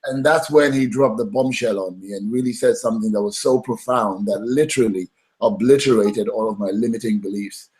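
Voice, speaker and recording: A man's voice: on the low side, a little fast, rough recording. A middle-aged man, a guest in an interview, telling his story with energy and often acting out what others said. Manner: animated, acts out quoted dialogue.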